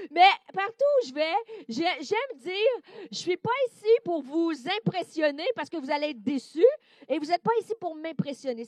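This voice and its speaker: A woman with a Québécois accent, a guest preacher giving a sermon, animated and playful with many hesitations. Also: sits high, no room sound, studio quality. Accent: Québécois French. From Quebec, Canada.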